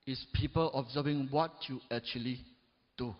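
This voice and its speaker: At a normal speed, a man in his forties works a crowd with a motivational stage speech, constantly checking in with "right?" and "yes or no?" His emphasis swings from loud climbs to quiet drops. The audio sounds dull and carries the echo of a large hall.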